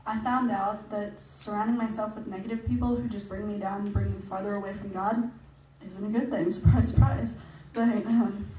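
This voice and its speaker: A woman's voice: mid-range voice, steady tone, moderate pace, few pauses. Young woman presenter at church, casual and giggly, mic set far off in a roomy hall. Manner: chatty, laughs often, many fillers. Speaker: mission trip presenter. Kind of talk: casual talk to a church audience. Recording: echoey hall, picked up from a distance, faint noise.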